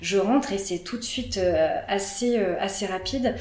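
A woman's voice: mid-range voice, unhurried, a little mellow. A woman in her thirties, a guest telling her birth story in casual conversation, hesitant with many fillers and restarts. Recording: roomy echo.

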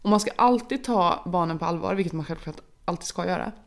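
A woman in her thirties, a mother and podcast co-host, chatting casually and acting out quotes as she tells family anecdotes. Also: fairly low pitch. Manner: chatty storyteller, acts out quotes, laughs often. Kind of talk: casual chat.

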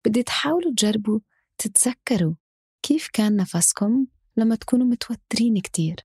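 Husky woman guiding a breathing exercise, Levantine accent. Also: medium pitch, warm tone, no echo, clean studio sound. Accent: Levantine Arabic. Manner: instructional, with short spaced cues.

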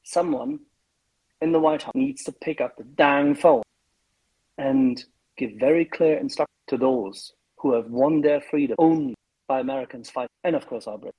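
A man arguing forcefully in a political panel discussion, stressing his points with repeated emphatic phrases. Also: medium pitch, big pitch swings, normal speed, gravelly, husky, low-quality recording. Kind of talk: impassioned political debate.

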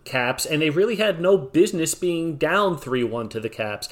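A man's voice: a little high, normal speed. A man co-hosting a casual sports podcast, arguing his point with jokes, his voice jumping up when he gets worked up. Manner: argumentative, jokey, voice jumps up when excited. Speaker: podcast co-host and blogger.

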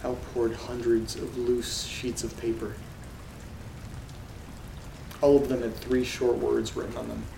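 This horror audio drama features a man alone, uneasily reading creepy letters aloud in a creaky, mid-range voice that barely moves in pitch. He delivers them in a subdued, measured way with dramatic pauses, setting an ominous, somber mood against roomy sound, noise, rain and thunder.

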